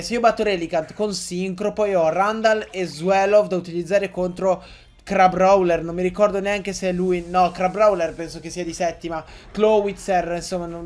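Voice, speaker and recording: A young man giving excitable, joking Let's Play commentary to his viewers, often swearing. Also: high-pitched. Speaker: gaming YouTuber.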